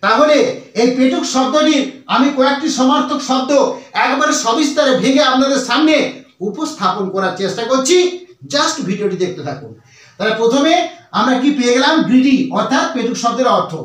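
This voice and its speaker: A man, teaching English translation slowly, repeating himself and spelling words out letter by letter. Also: very high voice, animated, a bit bright, very echoey, recorded from a distance.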